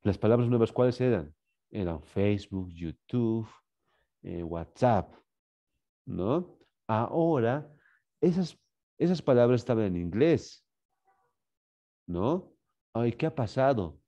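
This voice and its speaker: A man's voice: mid-range voice, expressive, takes it slowly, pauses often, mellow. A man with a Bolivian Spanish accent giving a classroom lecture, tagging lines with "¿no?" and "muy bien". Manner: repeats "¿no?" and "muy bien" as tags; addresses students as "señores". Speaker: teacher.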